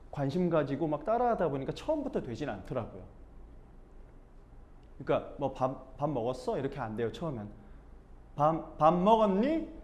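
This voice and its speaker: A man from teaching a speech lesson, telling his own story and acting out quoted lines in different voices. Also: on the high side. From Busan, South Korea. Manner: animated, acts out quoted dialogue in voices. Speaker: speech coach. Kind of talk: talking-head lesson, storytelling.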